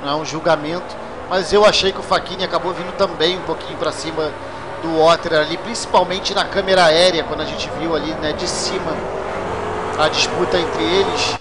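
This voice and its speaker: A Brazilian man with a clearly high-pitched voice commentates motorsport live, calling the race as lead announcer. Engine noise from racing cars runs noticeably behind him. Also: steady tone, a little fast.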